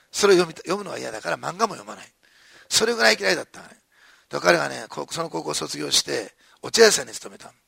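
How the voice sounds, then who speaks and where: Gravelly-voiced man preaching. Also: a little high, pushed and bright, no room sound, clean studio sound. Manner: conversational, chuckling asides. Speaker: pastor. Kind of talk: sermon with storytelling.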